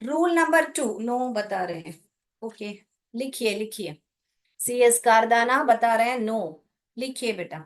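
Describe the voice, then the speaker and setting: Casting: young Indian woman teacher, high voice, patient and unhurried with her pupils. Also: expressive. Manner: patient, explains slowly, mixes Hindi and English, calls pupils "beta". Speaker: English teacher. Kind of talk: live online class explanation.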